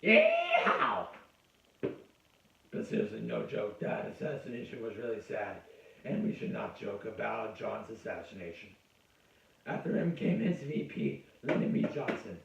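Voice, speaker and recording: A man's voice: fairly low pitch, normal speed, gravelly, a little mellow, a little hiss or hum. A man giving a crude, rambling comic history lecture, cursing and interrupting himself. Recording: echoey, distant, dull lo-fi room sound.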